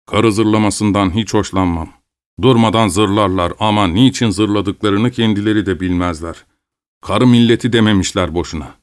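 A man's voice: lowish voice, normal speed, lightly acted. A man doing a coarse, sneering peasant son. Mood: scornful.

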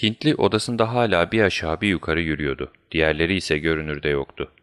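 A man reading a story aloud as narrator, with steady storytelling. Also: low-pitched, quick pace, smooth, no echo, studio quality. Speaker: audiobook narrator. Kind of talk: scripted narration.

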